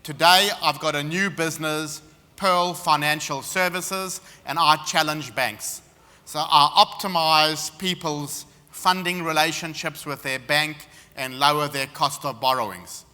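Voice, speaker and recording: A man from South Africa, speaking with a South African accent, gives a confident guest seminar in an expo hall and leans on anecdotes. His voice sits on the high side and is unhurried, bright and forceful, with a clear, resonant quality. The hall's acoustics are reverberant.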